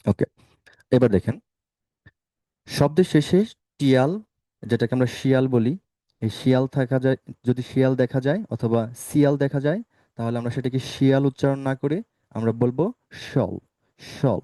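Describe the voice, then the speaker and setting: A male teacher leading an online spoken English class, saying words slowly and asking students to repeat them. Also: medium pitch, warm tone, dry recording.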